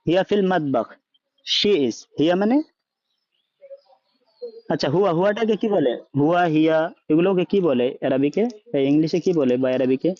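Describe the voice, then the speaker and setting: A man with a fairly high but mellow voice teaches a class, firing questions at his students and checking they follow. The sound is dry and dull, like a low-fi recording. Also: brisk, long pauses, no echo. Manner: questioning, checks understanding often; mixes in English words. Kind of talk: online language class.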